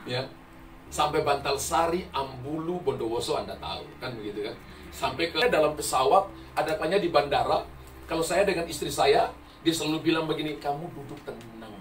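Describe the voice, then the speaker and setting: A male pastor preaches to his congregation in a church hall, telling funny stories and laughing often along the way. His voice is a little high and a little fast, and the distant mic captures roomy echo, background music, and a slight hiss or hum.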